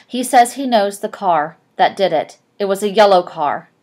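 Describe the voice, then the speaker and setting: A woman voicing a gruff, domineering wealthy young man with a curt, commanding manner in a read-aloud novel. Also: medium pitch, expressive, normal speed, a little mellow, natural voice.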